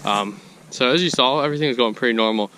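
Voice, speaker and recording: Out of breath while walking outdoors through woods, a young hunting vlogger tells a rambling story to camera, correcting himself as he goes in casual vlog narration. His mid-range voice is fast, pushed and bright, with a little hiss or hum in the audio.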